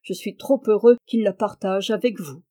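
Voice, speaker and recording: A woman's voice: medium pitch, moderate pace, dark tone, lightly acted. A woman voicing a delighted, courtly old king. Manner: courtly, enthusiastic.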